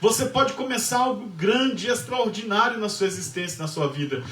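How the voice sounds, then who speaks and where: A man's voice: high-pitched, moderate pace, pushed and bright. A man preaching and lecturing, telling a story with emphatic repetition and acted-out dialogue. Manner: emphatic storyteller, repeats phrases, acts out dialogue. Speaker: pastor and lecturer. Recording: echoey room, voice from far off.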